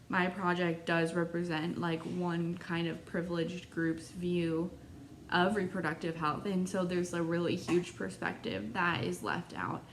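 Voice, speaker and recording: A woman's voice: on the low side, slight background noise. A woman student interviewer narrating her project in an earnest, reflective way, often saying "like". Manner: thoughtful, uses fillers like "like".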